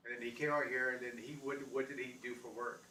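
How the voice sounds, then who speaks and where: A man interviewing casually, asking informal questions with halting follow-ups. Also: medium pitch, little pitch movement, pushed and bright, distant mic. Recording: roomy, off-mic, faint background noise.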